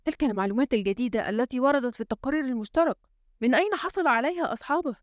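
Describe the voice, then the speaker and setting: A woman's voice: high-pitched, racing, dry recording, clean studio sound, pitched above the performer's own voice, close to an everyday voice. A woman voicing a tense, suspicious male head of state who mutters urgently and gives commands in an audiobook reading. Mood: agitated.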